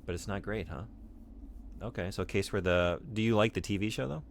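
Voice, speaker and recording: A man's voice: on the low side, brisk, a little hiss or hum. A man streaming a video game, chatting casually and joking with his chat. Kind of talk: casual chat while playing.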